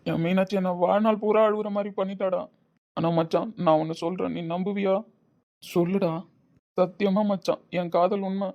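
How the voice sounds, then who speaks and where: A man's voice: high-pitched, steady tone, normal speed, a little mellow, highs cut off. A man voicing a young husband who speaks emotionally and pleadingly about his wife. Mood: lovesick. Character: young husband, guilt-ridden and lovesick.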